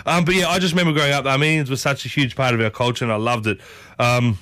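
A man's voice: medium pitch, fairly even intonation, rapid-fire, a bit bright, slight background noise. A man hosting a casual interview, enthusiastic and chatty, often affirming his guest. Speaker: host.

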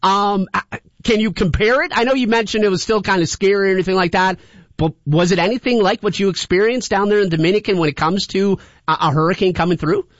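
A man's voice: high voice, no echo, muffled recording. A man hosting a talk radio show, conversational and friendly, leading into breaks. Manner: friendly, conversational, brisk wrap-ups.

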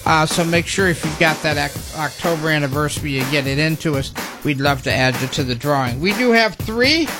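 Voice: mid-range voice, lively intonation, a little fast, music in the background. A morning radio co-host chatting casually on air.

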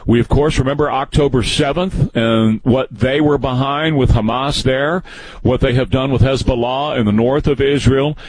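A man's voice: mid-range voice, moderate pace, husky, no room sound, rough recording. A man in his early sixties hosting a call-in radio talk show, folksy and rambling with frequent restarts. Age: 60s. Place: radio studio.

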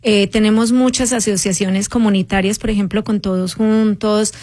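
A woman appearing as a radio guest, explaining the programs of a community music school in a steady, informative way. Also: mid-range voice, moderate pace, no echo. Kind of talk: radio interview.

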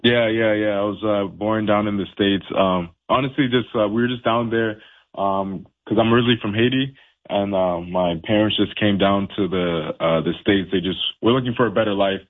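A man's voice: fairly low pitch, moderate pace. A young man, a professional boxer, chatting casually and laid-back with lots of fillers and laughs. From Canada. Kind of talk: casual phone interview. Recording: tinny phone line.

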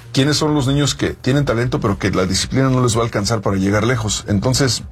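A man's voice: mid-range voice, breathy edge. A man co-hosting a talk show from Mexico, chatting casually and explaining with examples. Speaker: co-host.

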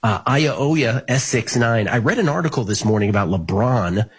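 Male talk show host, notably raspy, mid-range, chatting casually about sports. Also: medium pitch, lively intonation, moderate pace. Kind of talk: casual sports betting talk, reading listener messages.

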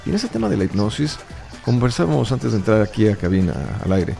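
A Chilean-born man in his fifties who grew up in Mexico appears as a stage hypnotist guest in a radio studio interview, talking emphatically and lecturing. His voice is on the low side, sing-song and fast, with vocal fry and a dark tone, and faint music plays behind him.

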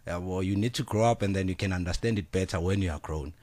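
A man's voice: sits low, fast, a little mellow, no room sound. A South African man talking as a studio guest in a radio interview, casual and full of fillers, dropping Zulu words into his talk. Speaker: studio guest, business founder.

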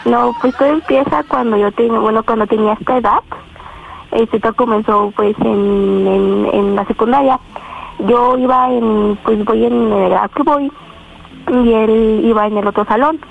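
A woman's voice: on the high side, normal speed, creaky. A teenage girl with a Mexican accent calling in to a radio show, hesitant and full of fillers. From Estado de México. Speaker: caller. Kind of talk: telling her story to a radio host. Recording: tinny phone line with faint noise.

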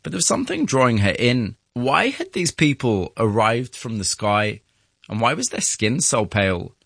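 A man hosting and narrating in a studio, with a measured storytelling delivery. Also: mid-range voice, big pitch swings, creaky, a bit bright, breathy edge, no room sound. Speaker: host and narrator. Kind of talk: scripted documentary narration and interviewing.

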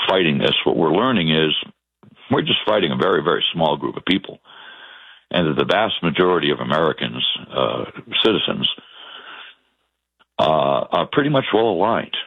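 A man from Massachusetts with a Boston accent, a guest in a political interview, talking haltingly with many fillers and restarts. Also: a bass voice, vocal fry, breathy edge, no echo, narrow, tinny audio.

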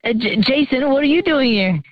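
A man's voice: very high-pitched, expressive, a little fast, highs cut off, noisy background. A young man calling in to a radio show with his voice disguised by a voice changer, telling a rambling story full of fillers and chuckles. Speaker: caller. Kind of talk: call-in confession story.

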